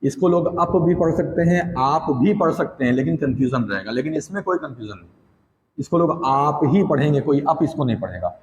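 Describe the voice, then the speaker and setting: A man's voice: a little high, expressive, fairly quick, big-room sound, slight background noise, low-quality recording. A man teaching Quran reading step by step, stretching out each syllable in drills and then explaining them in plain everyday speech. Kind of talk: step-by-step recitation lesson. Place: classroom or room with a board.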